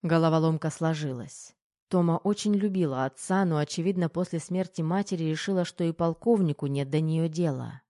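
A woman narrating a novel in an even, unhurried storytelling manner. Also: low voice, no room sound, clean studio sound. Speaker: audiobook narrator. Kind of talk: scripted narration.

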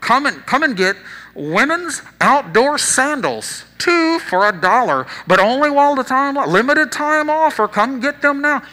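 A man imitating a loud male store intercom announcer calling out a sale. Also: big pitch swings, in a large hall, heavily acted, rough recording. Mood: hyped. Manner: booming, drawn-out sales call.

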